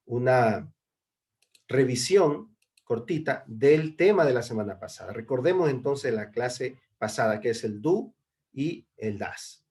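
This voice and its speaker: A man's voice: medium pitch, lively intonation, a little slow, a little mellow. A young man teaching English grammar in an online class, patiently explaining and often checking with his students. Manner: patient, repeats and checks with "¿no?" and "¿verdad?". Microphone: video call.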